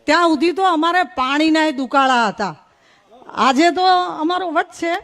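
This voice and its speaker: High-voiced woman. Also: animated, normal speed, a bit bright. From North Gujarat. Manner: folksy storytelling with rhythmic rhyming phrases. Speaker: invited speaker at a folk gathering. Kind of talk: humorous public speech. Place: village gathering on stage.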